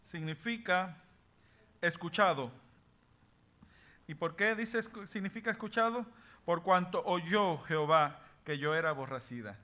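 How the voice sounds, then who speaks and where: A man's voice: sits high, measured pace, pauses often, sharp tone. A man teaching a Bible study class, reading scripture aloud and explaining what names mean while asking the class questions. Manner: switches between Spanish and English words.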